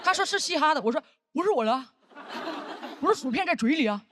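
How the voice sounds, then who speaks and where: Lively, high-pitched woman doing stand-up. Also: fast talker, heavy background noise. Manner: lively storytelling, deadpan punchlines; acts out a bully's shrill, snide voice. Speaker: stand-up comedian. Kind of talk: stand-up comedy set. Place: comedy stage before a laughing audience.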